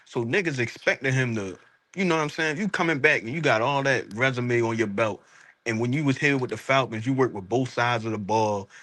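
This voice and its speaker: A man's voice: mid-range voice, brisk, a bit bright, no echo. A man talking sports casually and emphatically in street slang, often checking that the listener follows. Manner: emphatic, repeats rhetorical check-ins.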